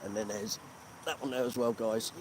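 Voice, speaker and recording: A man's voice: fairly low pitch, steady tone, normal speed. A cold, shivering man, giving blunt, sarcastic, sweary commentary to his phone camera outdoors. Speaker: vlogger filming a remembrance gathering. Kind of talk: casual live commentary to camera. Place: outdoors at a gathering. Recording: outdoor crowd noise behind.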